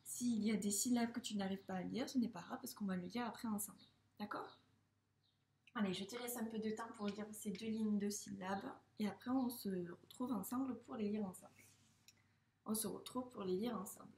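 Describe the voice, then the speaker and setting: A woman teaching first graders to read, speaking slowly and patiently, sounding out syllables and gently encouraging the child. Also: medium pitch, fairly even intonation, slight background noise. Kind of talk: slow, patient reading lesson for young children. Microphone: camera. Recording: echoey room.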